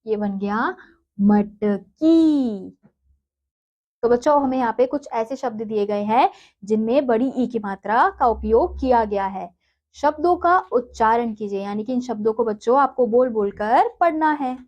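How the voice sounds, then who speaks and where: A woman teacher giving a reading lesson to children, spelling words out syllable by syllable in a drawn-out way and then asking brisk questions. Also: a little high, darkish tone. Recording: dull lo-fi recording.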